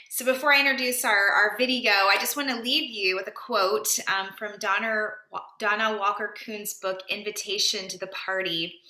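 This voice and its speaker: A woman's voice: medium pitch, pushed and bright. A woman representing a theater company, giving an earnest, sincere speech at an online event. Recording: echoey room.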